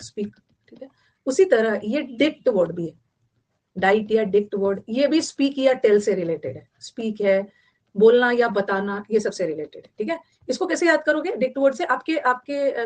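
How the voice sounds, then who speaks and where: Young Indian woman teacher, higher voice, repeats each word as she explains it. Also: a little mellow. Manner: explains in Hindi mixed with English, repeating words. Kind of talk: online vocabulary class.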